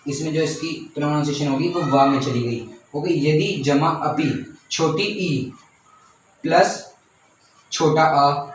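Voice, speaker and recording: A man's voice: a little high, slow, slight background noise. A young man teaching a grammar lesson step by step, repeating points and often saying okay. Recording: very echoey room, voice from far off.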